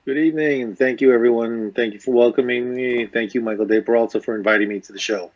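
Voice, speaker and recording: A man's voice: mid-range voice, steady tone, fast, darkish tone, muffled recording. A man born in the Philippines, a respiratory therapist, answering interview questions plainly over a video call.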